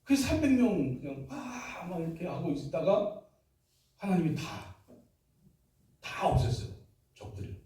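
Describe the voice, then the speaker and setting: A male pastor delivers his sermon in a church sanctuary, pressing the congregation with question after question. His voice sits fairly high and moves widely through its range. It is picked up from a distance in a very echoey hall. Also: very animated, measured pace, long pauses, mellow. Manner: emphatic, asks the congregation rhetorical questions.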